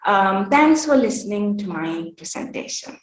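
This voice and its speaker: Woman giving a conference talk, lots of uhs and restarts, mid pitch, roomy echo. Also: expressive, moderate pace, a little hiss or hum. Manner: hesitant, many fillers and restarts. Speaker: conference presenter. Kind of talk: academic presentation.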